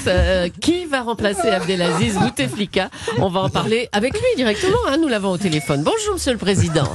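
A woman's voice: mid-range voice, big pitch swings, fast, over loud music. A woman hosting a comedy radio show, bantering in an amused way. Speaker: radio host.

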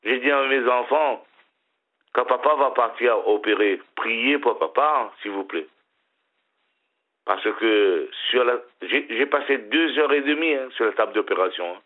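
A middle-aged man calling in to a radio show, talking haltingly with a smile in his voice and repeating his words. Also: medium pitch, lively intonation. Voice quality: smiling voice. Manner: hesitant, repeats and restarts words. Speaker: caller. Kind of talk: casual phone-in chat. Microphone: telephone. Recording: tinny phone line.

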